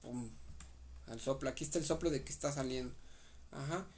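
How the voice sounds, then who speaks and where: A man's voice: mid-range voice, a little fast, darkish tone, slight background noise. Slangy Mexican man reading study notes. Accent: Mexican Spanish. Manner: reads guideline text aloud and re-explains it with slang. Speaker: medical exam study partner. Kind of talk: casual study session.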